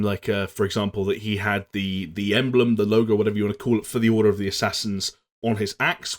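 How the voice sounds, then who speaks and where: A young adult man co-hosting a casual gaming chat, talking fluently and steering the conversation with easy segues. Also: fairly low pitch. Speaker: podcast co-host.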